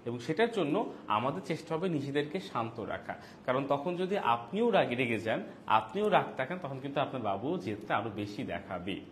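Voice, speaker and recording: Lively Bangladeshi man giving parenting advice. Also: mid-range voice, moderate pace, a little hiss or hum. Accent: Bangladeshi Bengali. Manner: lively, acts out quoted lines. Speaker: parenting talk host. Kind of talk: live-streamed parenting talk.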